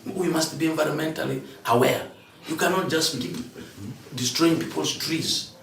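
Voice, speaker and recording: Man, candidate addressing a committee, animated, fairly high voice, heard from far off in a roomy hall. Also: normal speed, creaky, a little hiss or hum. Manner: animated, rising to a higher, louder pitch when emphatic. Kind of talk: spontaneous address at a meeting. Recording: echoey room from far off, faint ambience.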